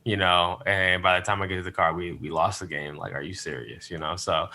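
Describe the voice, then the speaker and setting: Lower-voiced bright guest storyteller. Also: male voice, level tone, a little fast. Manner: rambling storyteller with many fillers, rueful. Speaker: podcast guest. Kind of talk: casual chat.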